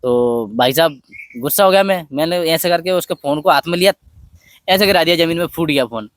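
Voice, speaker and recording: A man talking softly and from the heart in a personal vlog, telling a story at an unhurried pace. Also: fairly high pitch, no echo, clean studio sound. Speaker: vlogger. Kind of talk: personal reflective talk.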